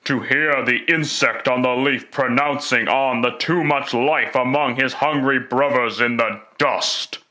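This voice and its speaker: Casting: male actor for indignant ghostly spirit in radio drama, solemn and declamatory, slow delivery, sharp forceful tone. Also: mid-range voice, steady tone. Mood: stern indignation. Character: stern, indignant spirit rebuking a miser. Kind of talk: classic radio drama acting.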